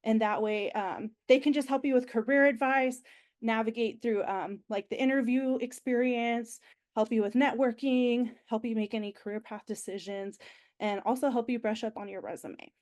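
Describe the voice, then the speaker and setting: A young woman from university alumni relations gives an enthusiastic, chatty orientation presentation full of ums, her voice nasal as she recovers from illness. It sits on the high side with fairly even intonation, a moderate pace and a darkish tone.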